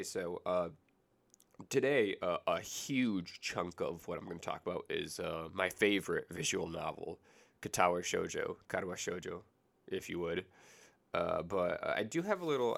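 Recording his solo podcast in a basement room, a congested-sounding podcast host of about twenty wanders through tangents, corrects himself, and throws in sarcastic jokes. His deep voice is gravelly with a fairly bright tone.

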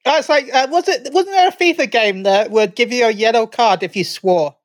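A woman chatting about games in a wry, chatty way. Her voice sits a little high and sounds close and dry. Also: moderate pace, no echo. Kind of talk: casual gaming chat.

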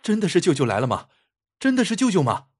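A man voicing a pale young nephew, earnest and soft-spoken, in a ghostly told story. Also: high-pitched, huge pitch swings, fast talker, slightly rough, pitched above the performer's own voice, heavily acted. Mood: excited.

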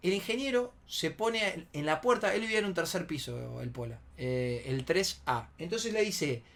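A man in his twenties with an Argentine Rioplatense accent, telling a comic anecdote in a slangy, profane way and acting out his friends' shouting. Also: moderate pace. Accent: Argentine Rioplatense Spanish. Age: 20s. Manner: animated storytelling, acts out shouting friends in high strained bursts. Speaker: storyteller.

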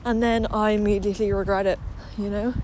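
A woman's voice: medium pitch, little pitch movement, brisk, darkish tone. A woman with a slight lisp from wearing a retainer, speaking candidly and hesitantly in a casual confessional podcast monologue recorded outdoors on a walk. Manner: hesitant, candid, with mild swearing. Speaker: podcast host. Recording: noisy outdoor walking recording.

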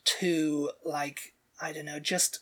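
Brief: woman podcast co-host, slightly low voice, loose chatty delivery full of "like" and "you know". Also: flat delivery, slow pace, a bit bright. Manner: chatty, acts out quoted people, many fillers. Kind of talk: casual chat reacting to comments.

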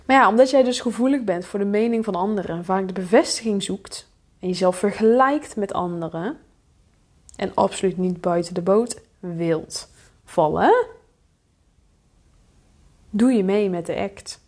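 A woman who works as a coach hosts a solo podcast, addressing the listener directly and confrontingly. Her darkish voice is a little slow, with long pauses, and she drops into a low mutter to voice inner thoughts.

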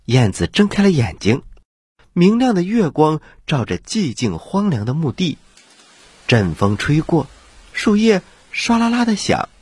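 A man hosting and narrating stories for children in an animated, husky voice. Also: a little high, unhurried, no echo, studio quality. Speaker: children's storyteller, host.

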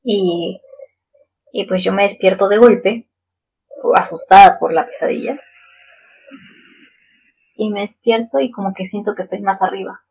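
Husky gravelly woman chatting. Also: medium pitch, measured pace, long pauses, a little mellow, rough recording. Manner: curious questioner. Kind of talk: casual chat.

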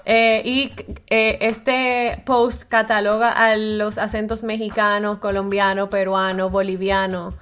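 A woman's voice: mid-range voice, little pitch movement, takes it slowly, few pauses, fairly bright tone, smooth, soft background music. A woman from the Dominican Republic with a Dominican accent, co-hosting a radio show in casual chat and laughing often. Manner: laughs often, talks animatedly.

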